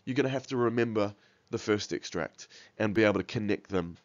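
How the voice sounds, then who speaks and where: The recording is muffled as a man with a cold, his voice lowish and somewhat nasal, teaches an exam revision lesson from slides at a fairly quick pace. Ums, uhs and restarts come up constantly.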